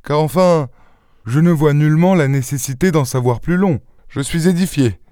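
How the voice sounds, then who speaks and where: A nervous gentleman, full of questions and quick astonishment, as a male reader voices him. His voice is pitched above an everyday tone, and the sound is smooth and clean. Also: dry recording, studio quality, lightly acted. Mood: uneasy. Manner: nervous, easily amazed, questioning. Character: anxious, astonished gentleman, middle-aged man. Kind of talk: audiobook character voice.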